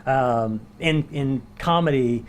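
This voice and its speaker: A man's voice: medium pitch, slow pace, a little hiss or hum. A male actor, a guest on a chat show, telling anecdotes casually with many fillers and restarts. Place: studio.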